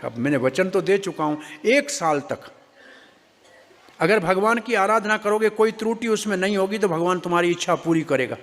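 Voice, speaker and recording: A man's voice: high voice, expressive, normal speed, fairly bright tone, in a large hall. A man doing a troubled old sage. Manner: troubled, reasoning aloud. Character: torn old male sage, husband.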